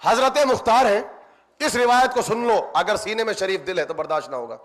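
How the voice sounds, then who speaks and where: A man's voice: high voice, a bit bright. A man preaching a mourning sermon, impassioned and speaking directly to the congregation in a religious center hall.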